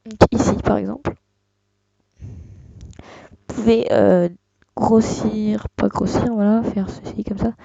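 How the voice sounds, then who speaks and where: Gravelly, husky voice with many fillers. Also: medium pitch, mellow, no room sound, muffled recording. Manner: hesitant, many fillers and restarts. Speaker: tutorial host. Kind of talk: casual screen-recorded tutorial.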